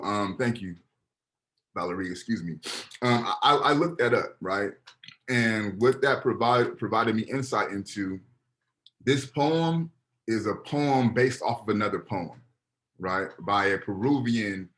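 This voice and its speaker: A man lecturing an online class on a video call, talking casually with many halting fillers. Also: on the low side, a bit bright.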